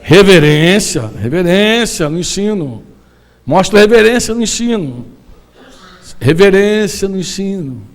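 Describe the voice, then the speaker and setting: A man with a high-pitched voice preaches in a Brazilian Portuguese accent, speaking to pastors and leaders at a conference. His sermon is loose and conversational, full of slang and quick questions to the crowd. He sounds like he is standing before a room. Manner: animated, colloquial preaching with slang and audience questions. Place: conference hall.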